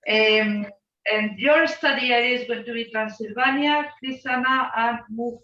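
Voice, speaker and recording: A woman with a fairly high, pushed and bright voice speaks at an unhurried pace. She hosts an online student exchange session, running informal introductions with a joking, self-deprecating manner. The video-call audio sounds roomy, distant and dull.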